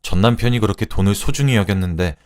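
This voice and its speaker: A man's voice: fairly low pitch, quick pace, natural voice. A man doing a cold, cutting young woman. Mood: gentle, resigned. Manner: calm, cutting, scornful. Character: cold, composed young woman taking revenge. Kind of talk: radio drama reading.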